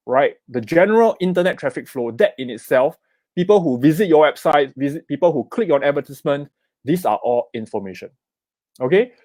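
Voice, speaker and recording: A middle-aged man with a Singaporean accent, speaking in a slightly high and slightly mellow voice, presents on investing during a live online seminar at a summit. He repeatedly says "okay?" and "right?" and urges viewers to type in the comments, in a dry recording.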